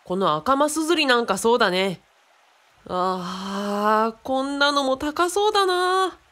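High-voiced and fairly bright, with lively intonation and a measured pace, a woman performs as a friendly, knowledgeable adult companion in a radio drama, thinking aloud as she casually explains things in conversation.

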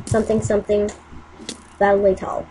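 A woman giving casual, excitable commentary on her own gameplay, muttering to herself and breaking into silly sing-song chants. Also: mid-range voice, a little fast, slight background noise, rough recording. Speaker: gameplay channel host.

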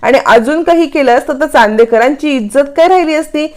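A woman's voice: high-pitched, brisk, darkish tone, pitched above the performer's own voice, close to an everyday voice. Woman voicing a scolding young husband. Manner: scolding, lecturing. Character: angry young husband scolding his wife. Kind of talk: retelling a TV serial plot.

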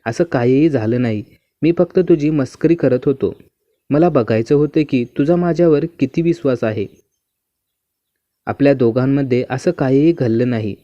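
A man reading the part of a grown man's teasing, pushy younger brother-in-law in a spoken story, in an even, unhurried manner. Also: mid-range voice, no room sound, close to an everyday voice. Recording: dull, muffled dry recording.

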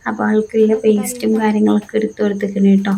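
A woman, talking through a family vlog in a soft, homely way and holding back tears. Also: mid-range voice, monotone, rapid-fire, vocal fry. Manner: soft, homely, ends phrases with a gentle tag. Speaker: family vlogger. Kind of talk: casual voice-over narration.

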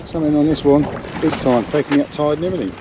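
A man's voice: on the high side, very fast. A man giving a chatty running commentary while fishing from a small boat at sea. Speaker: angler filming his boat trip. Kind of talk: casual chat while fishing. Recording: muffled outdoor camera audio, loud wind and water.

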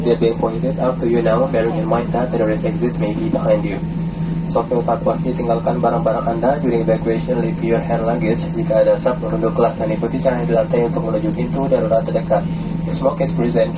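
Fast Indonesian man on distant cabin PA. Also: mid-range voice. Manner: formal, recited delivery. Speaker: flight attendant making cabin announcements. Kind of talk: scripted safety announcement. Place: inside an airliner cabin. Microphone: cabin PA recorded from passenger seat. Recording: distant cabin PA, loud aircraft noise. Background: steady aircraft cabin noise.

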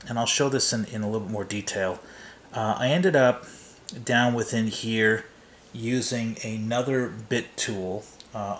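A man's voice: fairly low pitch, fairly bright tone, slight background noise. A man walking through his scale model build at the workbench, loose and rambling, with lots of fillers and restarts. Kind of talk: hands-on build walkthrough. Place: workbench, off camera.

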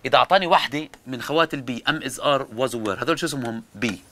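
A man's voice: mid-range voice, fast talker, fairly bright tone, slight background noise. A man with a Jordanian Arabic accent explaining English grammar rules, asking and then answering his own questions and repeating each step. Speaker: English teacher.

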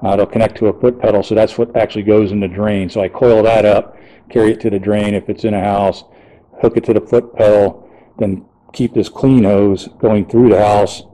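A man's voice: on the low side, level tone, normal speed, mellow, rough recording. A man casually walking through the equipment inside his work trailer, explaining things plainly with fillers. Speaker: pressure washing business owner. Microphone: handheld camera mic, filming in first person.

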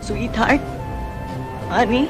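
A man's voice: very high-pitched, extremely slow, music in the background, full character voice. A man playing a jealous wife who grills a rival woman with sarcastic questions. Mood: accusing. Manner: sarcastic, interrogating.

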